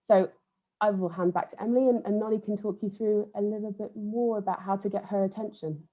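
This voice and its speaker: A woman's voice: mid-range voice, fairly even intonation, a little fast, mellow, highs cut off. A woman from England speaking on an online careers panel, chatty and enthusiastic, often restarting her phrases. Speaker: panellist, think tank team manager. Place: home, video call.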